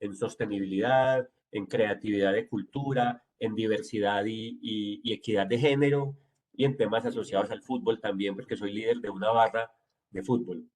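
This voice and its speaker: A man in his forties with a Medellín Colombian Spanish accent answers interview questions as a city councilman, explaining himself fluently and confidently. His voice is fairly low and a little mellow, with fairly even intonation and a moderate pace.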